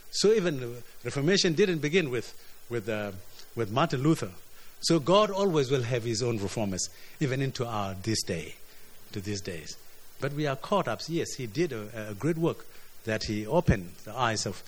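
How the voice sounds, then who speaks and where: Earnest man preaching. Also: husky. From South Sudan. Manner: earnest, repeats words, rises and drops in pitch and loudness. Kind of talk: sermon.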